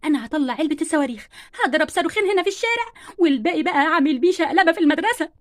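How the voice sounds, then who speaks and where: A woman voicing a mischievous, defiant schoolgirl doll in an Egyptian accent, cheeky and quick-talking. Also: sits high, animated. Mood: scheming. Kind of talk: doll-play storytelling.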